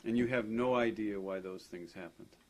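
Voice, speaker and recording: Attorney, male, slightly low voice, methodical measured questioning. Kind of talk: deposition questioning.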